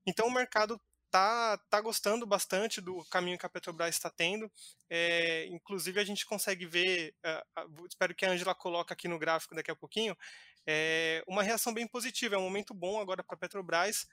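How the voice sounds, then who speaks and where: A man with a high, bright voice talks through stock-market news as an investment analyst. He explains patiently, circling back with fillers and restarts, and the sound is dry and close. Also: fairly even intonation, brisk, no echo. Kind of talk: live market commentary.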